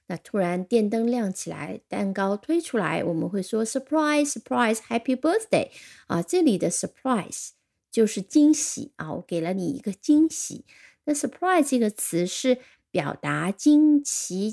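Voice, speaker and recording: A woman teaching an English vocabulary lesson, explaining patiently and spelling words out slowly. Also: medium pitch, creaky, dark tone.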